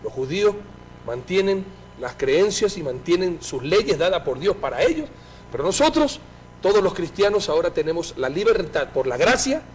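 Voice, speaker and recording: A man's voice: high-pitched, sing-song, moderate pace, a little hiss or hum. Fervent male interviewer. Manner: fervent, preacher-like. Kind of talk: faith interview.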